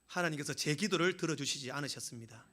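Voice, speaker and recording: A man's voice: a little high, fast, pushed and bright. A man preaching a sermon as a pastor, telling jokes and stories with emphatic exclamations.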